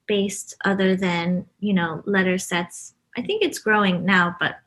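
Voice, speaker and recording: Fairly bright and mid-range, her voice moves a little slowly with fairly even intonation. She co-owns a stationery shop, grew up in Brazil, the US and Japan, and chats informally as a guest in a relaxed interview, quick to laugh.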